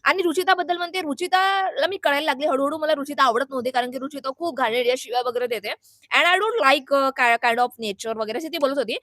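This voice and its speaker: A woman's voice: high-pitched, a little fast, a bit bright, dry recording, studio quality. A young woman vlogger giving her sarcastic, indignant take on a reality show, scolding and mixing in English and Hindi words. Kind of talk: opinionated reaction vlog.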